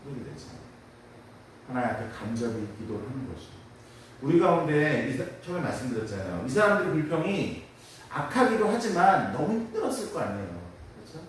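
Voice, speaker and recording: Animated preacher in an echoey hall. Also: male voice, medium pitch, fast. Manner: animated, acts out prayers and complaints in quoted voices. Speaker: pastor. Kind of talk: dawn service sermon. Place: church sanctuary. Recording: echoey hall, distant mic, faint hiss.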